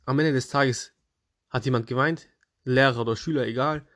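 A man's voice: medium pitch, fairly even intonation, moderate pace, a bit bright, no room sound, clean studio sound. A young man hosting a casual storytelling podcast, joking and slangy, with playful restarts. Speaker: podcast host.

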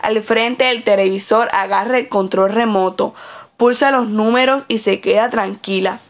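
A woman's voice: mid-range voice, moderate pace. A woman reading aloud her written observation report as a student observer, with small slips and self-corrections.

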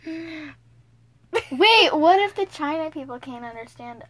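A woman's voice: sits high, animated, slow, background noise. A teenage girl co-hosting a podcast, giggly and playful, sometimes whispering, recorded inside a small closet full of clothes. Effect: recorded inside her small clothes-stuffed closet. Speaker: podcast co-host. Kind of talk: casual chat.

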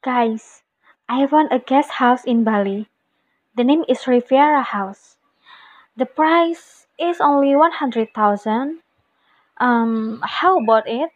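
A woman's voice: high voice, slow. A young woman with an Indonesian accent playing an eager friend in a recited English dialogue about plans with friends, speaking carefully. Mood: earnest. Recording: muffled lo-fi recording.

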